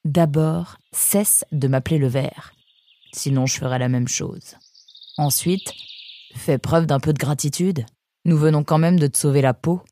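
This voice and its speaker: A woman voicing a calm young female fox in a children's storybook, speaking in a dry, matter-of-fact way. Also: deep voice, measured pace.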